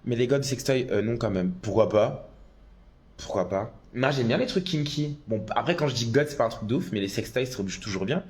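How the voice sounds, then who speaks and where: Quick and with few pauses, a drag performer's ordinary mid-pitched male voice carries through a casual phone livestream. He excitably talks his way through viewer comments as they come in, occasionally letting out loud exclamations.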